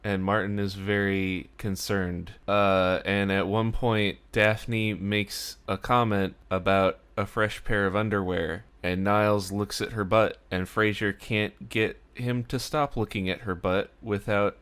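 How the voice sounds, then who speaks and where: A man talks through a recap in a loose, conversational vlog style, wry and full of fillers. His voice sits on the lower side and stays smooth and clean throughout. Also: flat delivery, measured pace, few pauses, a bit bright. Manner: chatty and wry, with frequent "like" fillers. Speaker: vlogger recapping a sitcom. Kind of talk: casual spoken recap.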